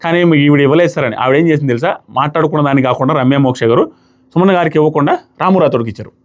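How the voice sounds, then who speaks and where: A man giving casual, animated commentary on a reality show and acting out the contestants' quoted lines. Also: a little high, rapid-fire.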